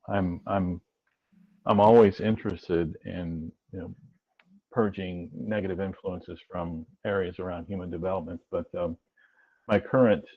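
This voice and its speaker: Low-voiced man, hesitant, dull lo-fi audio. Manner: hesitant, formal word choice, many fillers. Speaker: player. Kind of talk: tabletop game play over a stream. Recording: dull lo-fi sound.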